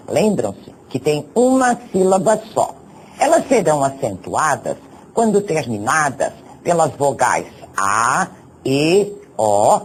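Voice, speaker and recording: A man teaching a recorded grammar lesson, going deliberately through examples one by one. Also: a little high, breathy edge, low-quality recording.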